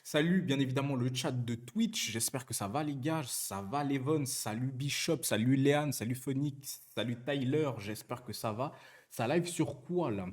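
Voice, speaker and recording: A man's voice: mid-range voice, moderate pace. Young man chatting on stream. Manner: chatty, joking, reads and answers chat messages, many fillers and self-corrections. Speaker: Twitch streamer. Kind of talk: casual live-stream chat with viewers.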